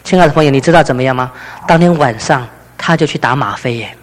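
A man preaching, telling a story that swings from loud emphasis to hushed, low passages. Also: fast. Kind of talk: testimony sermon. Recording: long hall reverb.

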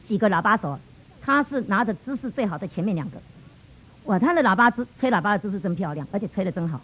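A woman's voice: mid-range voice, slightly rough. A middle-aged woman with a Taiwanese Mandarin accent, giving a personal church testimony and acting out family dialogue as she tells it. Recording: muffled lo-fi recording.

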